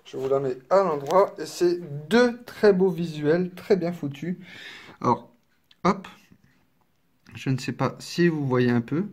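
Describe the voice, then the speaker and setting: A man casually presenting a collector's edition, chatty and apologetic, filling pauses with little interjections. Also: on the high side, lively intonation, a little mellow. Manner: unhurried, chatty, filler-heavy with frequent "hop" and "donc"; apologetic and self-deprecating. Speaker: unboxing video creator. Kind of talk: casual unboxing commentary. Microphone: camera mic, filming one-handed.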